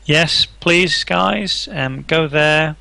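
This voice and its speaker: A man co-hosting a live game stream, talking hesitantly with many pauses and laughing often. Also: on the high side, creaky, bright, forceful tone. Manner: hesitant, lots of ums, laughs a lot. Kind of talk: casual chat on a live stream.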